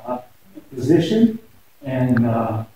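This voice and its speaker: Folksy pastor, echoey and distant. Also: male voice, mid-range voice, very animated, slow pace, crowd noise. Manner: folksy, chatty, jokes with guest. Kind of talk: casual interview. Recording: echoey, from far off, faint noise.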